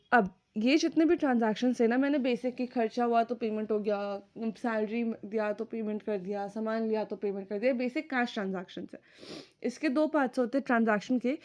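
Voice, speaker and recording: A woman teacher giving a recorded accounting lecture, explaining step by step and often checking whether her students follow. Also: on the high side. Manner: mixes English terms into Hindi speech.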